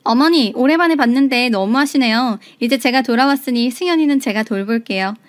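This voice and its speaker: A woman's voice: fairly high pitch, brisk, dry recording, natural voice. A woman voicing a self-pitying ex-wife who pleads in a whiny way. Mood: pleading.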